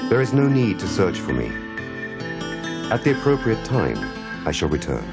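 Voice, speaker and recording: An actor playing a calm, resolute prince turned ascetic, speaking formal, measured lines in an animated film. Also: male voice, deep voice, over loud music, exaggerated voice. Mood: solemn. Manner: solemn, formal, measured declarations.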